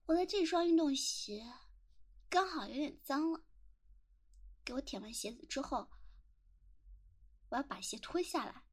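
Audio role-play drama: young woman playing a possessive, contemptuous teen schoolgirl with a high voice, taunting, hurling nonstop abuse. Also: lively intonation, measured pace, pauses often. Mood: furious, abusive. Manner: sneering, taunting, bursts into relentless shouted insults. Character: jealous, domineering teenage girl classmate, contemptuous and possessive. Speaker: voice actor.

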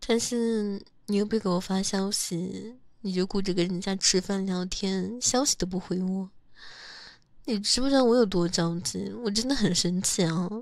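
A woman's voice: mid-range voice, normal speed, dry recording, natural voice. A woman in a whispered role-play, voicing a jealous, possessive young lover who scolds and then coaxes close to the ear. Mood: aggrieved.

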